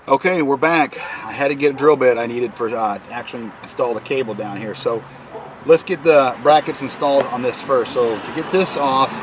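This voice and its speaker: Here a man with a mid-range voice walks viewers through a DIY job on or beside a vehicle, chatting casually and folksily about each step while he works. Noise fills the background.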